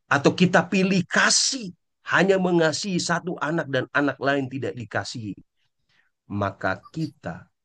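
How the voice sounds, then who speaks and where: A man preaching a sermon as pastor who often addresses the congregation directly and acts out scolding parents in quoted asides, going from low, soft passages to sudden shouts.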